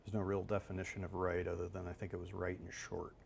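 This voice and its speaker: A man's voice: sits low, monotone, fast, creaky, a little hiss or hum. A man working as a golf instructor, explaining swings in a loose, conversational way on a live analysis show.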